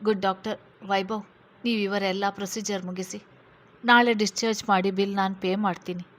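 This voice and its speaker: A woman voicing a protective male police officer who reassures a frightened witness in a steady, firm way. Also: mid-range voice, normal speed, close to an everyday voice. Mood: brisk.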